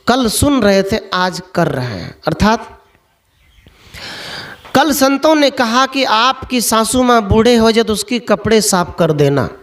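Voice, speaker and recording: A man's voice: high voice, fairly bright tone. A man preaching a sermon, telling stories and firing off rhetorical questions. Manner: storytelling, full of rhetorical questions.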